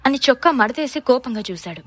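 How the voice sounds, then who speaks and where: A woman narrates an audio drama with a fairly high, expressive voice. Her telling is dramatic and scripted. The recording is dry, with faint music underneath. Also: brisk, no room sound. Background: faint background music.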